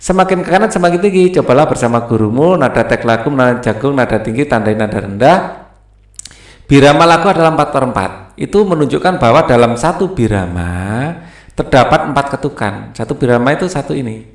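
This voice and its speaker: A man's voice: mid-range voice, expressive, a little fast. Man explaining a music lesson, echoey room. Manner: reads textbook aloud then explains, sings note names and short song lines. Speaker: teacher. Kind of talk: explaining a school textbook.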